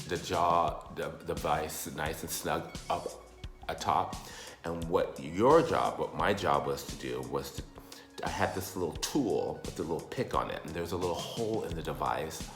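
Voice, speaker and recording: A man giving a casual, rambling personal update in halting explanations with repeated words. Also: low-pitched, reverberant. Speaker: vlogger.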